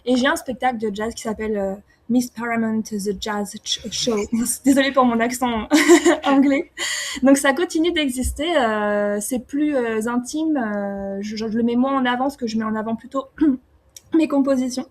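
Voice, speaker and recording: A young woman from France answering interview questions casually, often pausing with fillers and restarting her sentences. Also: a little high. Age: young adult. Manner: hesitant, many fillers and restarts. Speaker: singer-songwriter guest.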